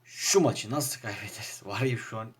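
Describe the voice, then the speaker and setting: A young man with a Turkish accent giving casual commentary over a football manager game, frustrated and grumbling, jumping from loud outbursts to low muttering. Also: normal speed, husky. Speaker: gaming YouTuber playing a football manager game.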